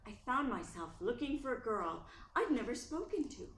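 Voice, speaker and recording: Actress as emphatic, easily exasperated writer's wife for radio play; swooping intonation, roomy recording with faint noise. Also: female voice, on the high side, normal speed. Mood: wistful narration. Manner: animated, emphatic. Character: brisk, warm-hearted playwright's wife, easily exasperated. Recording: echoey room, faint noise.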